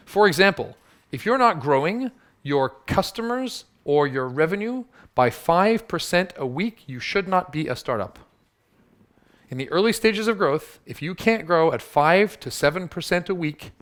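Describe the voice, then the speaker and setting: A man's voice: on the high side, a bit bright. A man giving a live workshop talk to an audience, punchy and teasing, quizzing the room with show-of-hands questions. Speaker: workshop speaker.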